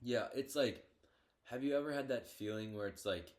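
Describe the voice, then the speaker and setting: A teenage boy co-hosts a podcast in loose, casual chat. He talks with a medium-pitched voice, often stalls on fillers and starts his sentences over as he hunts for words. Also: normal speed, a little mellow. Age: teens. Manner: hesitant, lots of fillers and restarts. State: hiccups. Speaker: podcast co-host.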